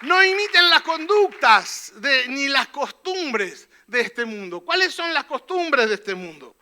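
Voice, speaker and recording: Man, pastor, church sermon, very high voice, fervent, questioning tags to the congregation. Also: big pitch swings, takes it slowly, sharp tone, slight background noise.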